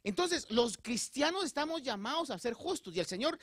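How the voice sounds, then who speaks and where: With a very high-pitched voice at a normal pace, a male pastor preaches in Spanish, recorded at studio quality without echo. He turns to his congregation often to check in, delivering his message in an animated, preacherly way with emphasis that rises.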